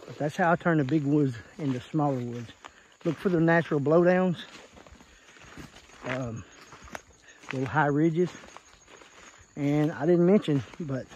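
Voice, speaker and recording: Mellow Arkansas Southern man scouting outdoors. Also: mid-range voice, dull audio. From Arkansas, United States. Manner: folksy, plainspoken, points things out as he goes. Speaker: deer hunter giving scouting tips. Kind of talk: casual outdoor vlog, explaining while scouting. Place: outdoors in the woods. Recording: outdoor field recording with faint natural noise.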